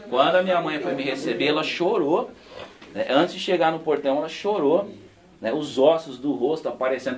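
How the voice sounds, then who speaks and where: A man, a pastor, gives an informal sermon and personal testimony at a home gathering, telling stories in a folksy way and often adding "né?". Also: fairly high pitch. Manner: folksy storytelling, constantly adds "né?" and laughs softly.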